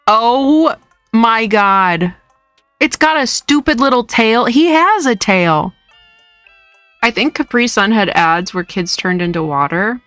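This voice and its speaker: Playing a game on a live stream, a woman talks casually and playfully to her viewers and laughs a lot. Her voice is on the high side, expressive, slow, and a bit bright, with no echo, captured by a dry close mic with faint music.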